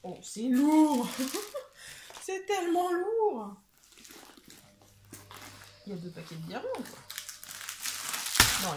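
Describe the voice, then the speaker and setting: A young woman chatting excitedly as she unboxes a craft kit at home, often stumbling and repeating words. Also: a little high, noisy background. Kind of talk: casual unboxing chat. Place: home with a washing machine running.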